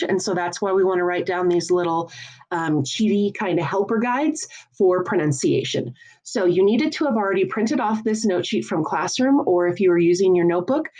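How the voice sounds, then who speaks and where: A woman teaching a French lesson, explaining each point patiently and enunciating clearly. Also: lowish voice, darkish tone. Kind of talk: classroom lesson.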